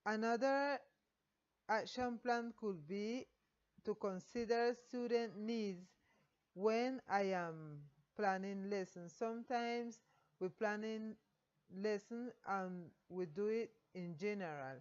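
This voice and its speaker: A woman with a Colombian Spanish accent, a native Spanish speaker and student teacher, slowly reading a prepared teaching reflection in English with halting phrasing. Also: medium pitch, a little mellow. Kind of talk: read-aloud teaching reflection. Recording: dull lo-fi recording.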